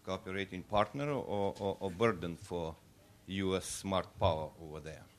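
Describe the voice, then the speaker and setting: A man with a heavy Russian accent asking a question from the audience in halting, broken English. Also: deep voice. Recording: noisy room ambience.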